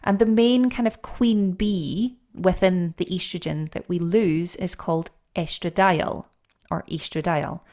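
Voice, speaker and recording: A middle-aged woman explaining things step by step as a guest coach in a podcast interview, with lively, animated stresses. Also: lowish voice, measured pace, few pauses.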